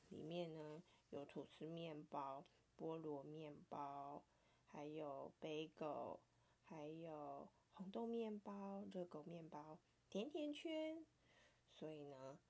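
A woman with a Taiwanese Mandarin accent reads a picture book to her child in a playful, lively way, now and then dropping into a soft whisper. Her pitch is fairly low.

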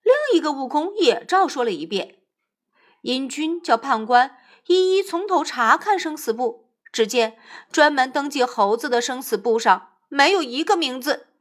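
A woman narrating a classic tale in a lively, expressive storybook reading. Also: high-pitched, normal speed.

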